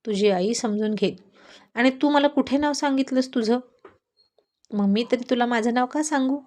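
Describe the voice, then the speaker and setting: Storybook voice: a woman playing a gruff young man, curt, easily annoyed, dryly sarcastic. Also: on the high side, normal speed, a little mellow, lightly acted. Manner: curt and dry, mildly sarcastic.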